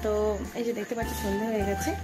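A woman's voice: mid-range voice, level tone, fast talker, loud music behind the voice. A woman vlogging her daily chores, chatting to viewers step by step as she films on a phone. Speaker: home vlogger and mother. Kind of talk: casual daily-life vlog narration. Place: at home and out shopping.

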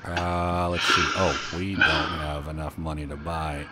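Deep slow-talking man playing a game. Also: flat delivery, very noisy. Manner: rambling, jokey, reads on-screen text aloud. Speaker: gaming video host. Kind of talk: casual let's play commentary. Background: loud game music.

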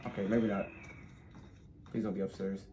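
A young man doing scared horror game commentary, excitable and easily startled, as a streamer. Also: low voice, moderate pace. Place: small indoor room at home. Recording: noisy room, clear background noise.

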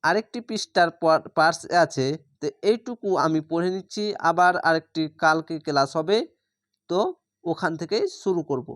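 A Quran reading teacher leads an online lesson at a steady, careful pace. Each letter and vowel mark is sounded out in turn before the rule behind it is explained. The voice is smooth and clear and sits close in a dry space. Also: mid-range voice, moderate pace, no echo. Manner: spells out letters and vowel marks one by one, explains rules patiently; addresses viewers directly, checks understanding.

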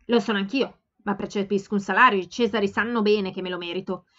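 A woman's voice: mid-range voice, steady tone, quick pace, a bit bright, lightly acted. A woman reading aloud and voicing a blunt, outspoken young woman who insistently scolds her older sister, in a slightly dull home recording.

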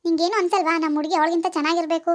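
A woman's voice: very high voice, steady tone, racing. [name], a woman voicing a scornful young village girl. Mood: demanding. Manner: scolding, sarcastic. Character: demanding young village woman, proud and sulky. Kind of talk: cartoon dialogue voice acting.

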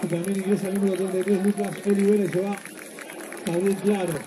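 A man's voice: high voice, level tone, fast talker. A man working as a commentator, giving live commentary on a football match. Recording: noisy outdoor stadium with crowd. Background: crowd and outdoor stadium noise.

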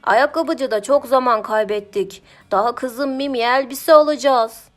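A woman voicing a patient, sensible male farmer who reasons calmly with a tired edge, in a children's audiobook. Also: high voice, a little slow, soft background music. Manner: calm, mildly tired reasoning.

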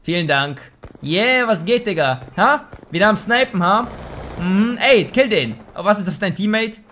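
This is a young man doing casual commentary over a shooter game. His voice is notably high for a man. He trash-talks and swears freely, and he breaks into excitable outbursts, with faint noise behind him. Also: moderate pace. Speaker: let's play host.

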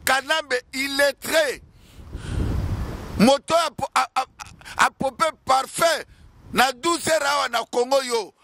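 A man in his forties giving an impassioned political address to camera in a city square, speaking into a handheld microphone with forceful, declamatory delivery. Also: very high-pitched, slow, creaky, long pauses. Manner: fiery, declamatory, shouting at times, gesturing. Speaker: activist news presenter. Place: city square outdoors, winter. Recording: street noise behind.

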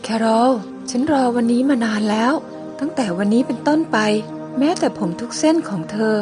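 A woman's voice: fairly high pitch, normal speed, music in the background, lightly acted. Woman reading a young male pharaoh, commanding and jealous, in a storybook manga reading. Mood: possessive, stern. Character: young hot-tempered possessive male pharaoh.

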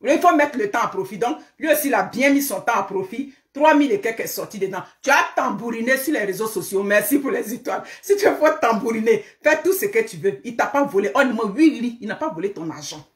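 A woman's voice: on the high side, animated, fairly quick, hardly any pauses, roomy sound. A woman giving live social media commentary, scolding emphatically, repeating words and firing off rhetorical questions. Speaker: online commentator.

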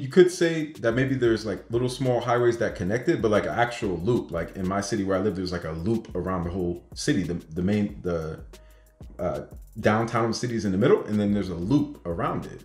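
Animated man, echoey room. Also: mid-range voice. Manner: animated, excitable, often asks "right?". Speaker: vlogger. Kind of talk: casual design talk to camera. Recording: echoey room with faint music.

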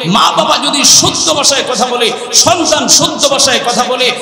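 A man's voice: very high voice, normal speed, vocal fry, pushed and bright. A middle-aged man from Bangladesh preaching a sermon to a crowd, in rhythmic call-and-response. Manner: melodic chanting of Arabic quotations. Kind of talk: shouted Islamic sermon. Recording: very echoey hall, crowd behind.

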